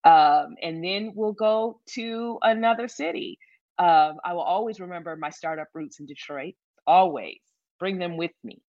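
A woman's voice: fairly low pitch, a little slow, no echo, dull audio. A middle-aged woman from Michigan, a salon founder giving advice in an interview, emphatic and repeating key phrases for stress. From Michigan, USA. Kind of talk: conversational interview.

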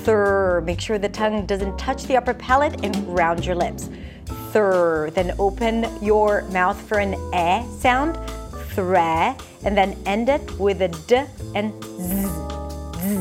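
Lady in a how-to-say-it clip, very precise, music playing behind. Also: mid-range voice. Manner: slow, precise articulation. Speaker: pronunciation tutor. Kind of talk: instructional clip.

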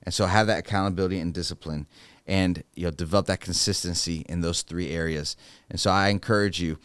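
Deep-voiced earnest male minister. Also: fairly even intonation, quick pace, fairly bright tone, clean tone, no echo. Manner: earnest, preacherly, peppers with "right?". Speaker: youth minister. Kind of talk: devotional podcast talk.

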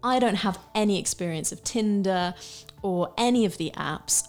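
A woman in her late thirties co-hosting a podcast, musing in a halting way with many restarts and ums. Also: mid-range voice, a little mellow, faint music behind. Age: 30s. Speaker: podcast co-host. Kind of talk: casual chat.

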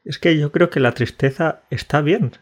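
Reflective man co-hosting. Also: fairly high pitch. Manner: reflective, measured and clearly spoken. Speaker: podcast co-host. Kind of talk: casual podcast chat.

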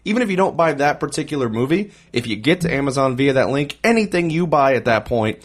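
A man's voice: mid-range voice, expressive. Dry-humored man hosting a film podcast. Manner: measured, dry, teasing. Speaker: podcast co-host. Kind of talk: casual chat, film review.

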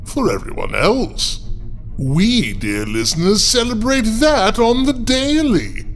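A man's voice: high voice, very animated, faint music behind, full character voice. A man playing a sinister librarian who hosts horror tales, theatrical and gloating, drawing out his words. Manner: theatrical, gloating, drawn-out with sly chuckles. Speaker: host character. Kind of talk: scripted horror podcast hosting.

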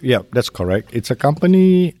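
A middle-aged man from Malaysia, speaking in a measured, conversational way as an interview guest and often tagging his sentences with "right?". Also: mid-range voice, very animated, dark tone, dry recording. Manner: measured, uses fillers like "how you say" and "right?". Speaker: guest, maritime safety executive.

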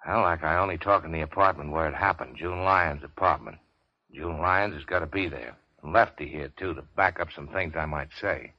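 Deep-voiced, weary hard-boiled racketeer. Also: male voice, moderate pace, no room sound. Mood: shrewd. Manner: clipped, slangy tough-guy talk. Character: wounded, hard-boiled big-shot racketeer, wry and world-weary. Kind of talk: vintage radio crime drama acting. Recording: dull vintage radio recording.

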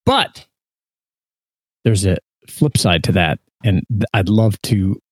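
A man's voice: fairly low pitch, expressive, slightly rough, no echo. Man co-hosting a podcast, dry sound. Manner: halting, repeats words mid-sentence. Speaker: podcast co-host. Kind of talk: casual conversational talk.

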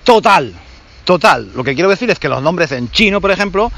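A man's voice: sits high, expressive, fairly quick, fairly bright tone. A man in his forties from Spain, with a Spanish accent from Spain, telling a story casually to language learners as a teacher. He talks hesitantly, with frequent restarts and check-in questions. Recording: slightly muffled lo-fi audio with faint noise.

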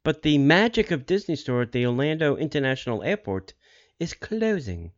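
A man hosting a podcast, making casual announcements in a halting way and repeating details for listeners. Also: on the high side, sing-song, highs cut off. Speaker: podcast host.

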